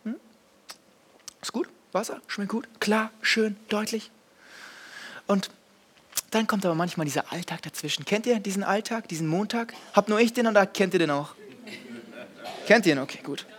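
A man preaching a live sermon on stage, asking the audience direct questions and building to loud, fervent passages. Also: sits high, normal speed, long pauses.

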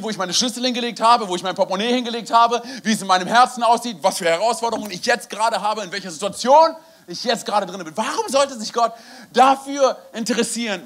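A young man preaching a lively storytelling sermon, animated and laughing often, often dropping in "hey". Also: very high-pitched, quick pace. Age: young adult.

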